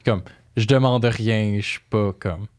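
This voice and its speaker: A man's voice: lowish voice, fairly even intonation, measured pace, a little mellow. A young adult man with a Quebec French accent, chatting casually in slangy speech sprinkled with English phrases. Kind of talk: casual chat.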